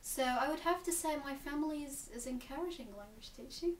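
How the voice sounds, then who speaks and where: A young woman answers interview questions in a fairly high voice, pausing on ums and restarting her sentences as she thinks. She sounds set back from the mic in a reverberant room, with faint ambience underneath. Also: distant mic, slight background noise. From Gaza Strip, Palestine. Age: 20s. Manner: thoughtful, hesitant with frequent ums and restarts. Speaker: interviewee, English teacher and graduate student.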